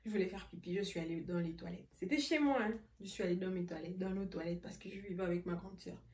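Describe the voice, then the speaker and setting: Une jeune femme qui raconte une anecdote sur un ton familier et animé, en riant souvent. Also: female voice, fairly low pitch, fast talker. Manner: animated, laughing often while telling. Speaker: vlogger. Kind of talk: casual storytime. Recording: roomy echo, voice a bit far from mic.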